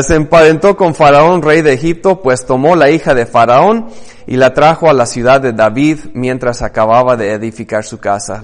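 Pastor mexicano predicando con animación. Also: male voice, mid-range voice. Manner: animated, acts out biblical dialogues, reads scripture aloud. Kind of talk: sermon.

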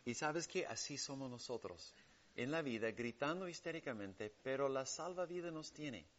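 A man preaching a sermon with emphatic stresses that drop to hushed, soft passages. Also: animated, moderate pace, highs cut off. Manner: emphatic preaching that swings between loud stresses and hushed lows.

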